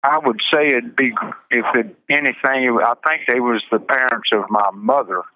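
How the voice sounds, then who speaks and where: A man, an inmate interviewed over a prison phone line, giving terse, halting short answers. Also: mid-range voice, fairly even intonation, no echo. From Missouri.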